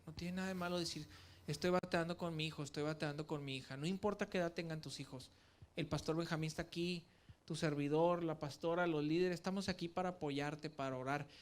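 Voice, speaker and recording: A middle-aged male pastor preaching with passion to parents in church, building to emphatic calls and dropping to quiet, earnest stretches. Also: a little high. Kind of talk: sermon at a parents' workshop.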